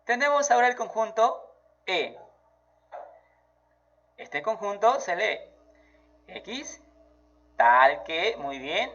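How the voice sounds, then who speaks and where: Slow, lively high-voiced male teacher. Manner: slow, encouraging, praising the child. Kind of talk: math lesson for children. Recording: dull lo-fi audio.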